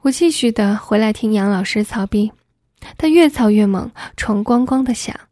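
A woman reading an adult story aloud in soft, steady narration. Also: medium pitch, normal speed, dry recording, clean studio sound.

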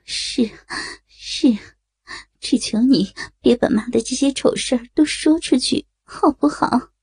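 A woman's voice: fairly high pitch, slow, mellow, breathy edge, no echo, low-quality recording. A woman voicing a meek middle-aged mother-in-law in an audio story, who begs and stammers in a tearful, submissive way. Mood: tearful pleading. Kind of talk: erotic audio story acting.

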